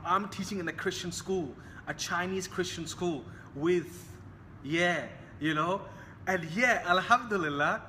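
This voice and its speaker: A young man from Hong Kong talks in a bright, high voice with an earnest, repetitive manner, circling back to the same phrases. His voice rings with a long reverb, and a faint hiss sits underneath. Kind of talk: casual talk to camera.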